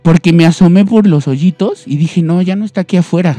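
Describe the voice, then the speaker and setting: Young Mexican guy spinning a spooky tale for his friends, high and mellow. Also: a little fast, no room sound, faint music behind. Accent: Mexican Spanish. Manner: animated, acts out voices and screams, heavy slang. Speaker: storyteller guest. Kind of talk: casual chat, telling a ghost story.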